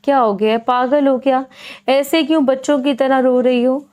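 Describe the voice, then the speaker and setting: A woman voicing a caring young aunt who talks softly and soothingly. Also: high-pitched, fairly even intonation, lightly acted. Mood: tender. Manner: soft, soothing reading.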